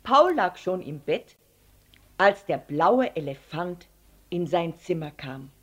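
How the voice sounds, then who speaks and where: A woman reading a children's story aloud, expressive, sometimes dropping to a whisper. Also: fairly low pitch, husky. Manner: expressive, slow, drops to whispers.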